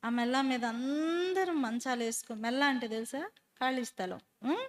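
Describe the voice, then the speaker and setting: A woman's voice: high voice, normal speed. A woman telling a church group her personal testimony as a story, stopping now and then to quiz her listeners. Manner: animated storyteller who quizzes listeners. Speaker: speaker giving a personal testimony.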